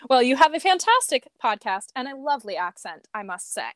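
A woman's voice: high voice, very animated, brisk, no echo. Woman chatting casually, dry sound. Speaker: podcast guest, amateur performer and cosplayer. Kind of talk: casual chat.

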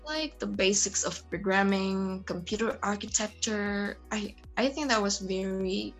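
Faint music sits behind a young woman from Indonesia, a computer science student, as she answers casual interview questions in her second language, English. She uses many fillers and restarts her sentences often. Her pitch is medium and her pace measured.

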